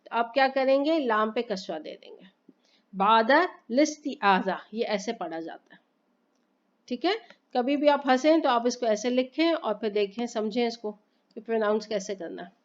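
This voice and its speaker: A woman teaching Arabic grammar in a slow, explanatory lesson, asking questions and answering them herself and reciting phrases carefully. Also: on the high side, highs cut off. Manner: patient, repeats points and asks herself questions.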